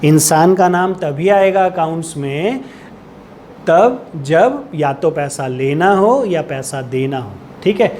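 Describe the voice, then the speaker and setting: A man's voice: fairly high pitch, lively intonation, takes it slowly, darkish tone, a little hiss or hum. A man with an Indian accent giving an accounting lecture, patiently restating each point and asking rhetorical questions to check understanding. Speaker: accounting teacher. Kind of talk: classroom lecture.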